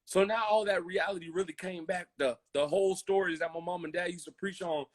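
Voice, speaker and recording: Brisk and high-pitched, this American man co-hosts a relaxed but fervent podcast, stressing his words, repeating himself and voicing imagined lines. His military family raised him in Germany, Colorado and Hawaii.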